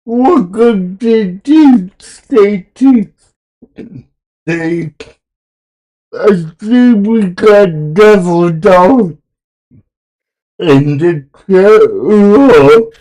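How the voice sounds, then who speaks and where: A man talks in a slow, unhurried drawl with a mellow tone. His audio comes through choppy and robotic, clipping and dropping out as the overdriven mic cuts itself off. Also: sits high, animated, low-quality recording. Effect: choppy, robotic audio cutting out from a peaking mic. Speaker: podcast co-host. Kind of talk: casual chat.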